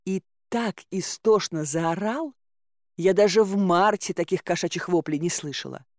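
A woman narrating an audiobook in a lively, wry and theatrical manner. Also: lowish voice, normal speed, no room sound, clean studio sound.

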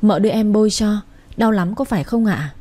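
A woman's voice: mid-range voice, a little fast, mellow, lightly acted. A woman voicing a sympathetic young housemaid who fusses over her mistress in a storybook reading. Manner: sympathetic and fussing.

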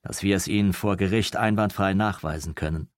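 A man acting out a stern police commissioner in an audiobook, giving orders in a firm, commanding tone. His voice sits only a little above his own low narrating voice. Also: fairly quick, dry recording, clean studio sound.

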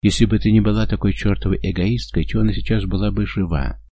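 A man playing a desperate, furious young man who shouts, pleads and accuses. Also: lowish voice, moderate pace, gravelly, slightly rough. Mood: accusing.

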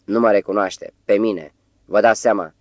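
A man's voice: lowish voice, darkish tone, no room sound, close to an everyday voice. A man voicing a tearful, frantic young female secretary, pleading and sobbing. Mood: distraught.

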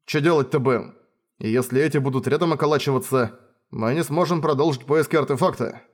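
A man's voice: medium pitch, brisk, close to an everyday voice. A man voicing an exasperated young hero who grumbles and speaks sarcastically.

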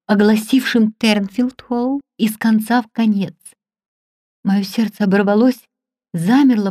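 A woman narrating a story in the first person with a dramatic, expressive reading. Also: medium pitch, no echo, clean studio sound. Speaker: audiobook narrator. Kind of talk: scripted narration.

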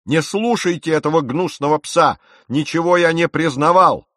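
A man voicing a furious, domineering ship captain who shouts and rages at his crew. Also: a little high, unhurried, no echo, studio quality, voice pushed up. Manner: shouting, raging, commanding.

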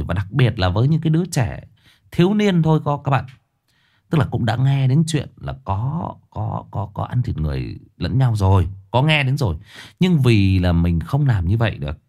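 A man telling a tragic true story to his listeners in a casual spoken style, with sudden high emphatic bursts and low somber drops. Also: darkish tone. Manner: addresses listeners directly, casual with restarts.

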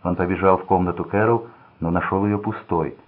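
Deep, husky male audiobook narrator. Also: steady tone, brisk. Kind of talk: scripted narration of a thriller. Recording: tinny phone-like sound.

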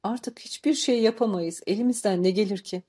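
A woman reading an audiobook voices a grieving, furious old grandfather who shouts and then laments in a choked voice. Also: mid-range voice, a little fast, voice pushed up, close to an everyday voice. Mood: lamenting.

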